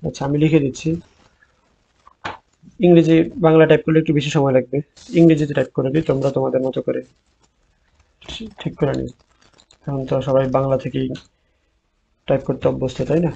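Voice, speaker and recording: A man with a Bangladeshi Bengali accent teaching an online Arabic class, drilling word forms slowly and repeating them. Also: mid-range voice, flat delivery, vocal fry, warm tone, dull audio, slight background noise.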